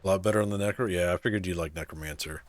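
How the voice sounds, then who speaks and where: Male game streamer, low voice, relaxed chatty delivery, answers chat. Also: racing. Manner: laid-back, answers chat, many fillers like "so, like" and "um". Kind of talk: casual live-stream chat.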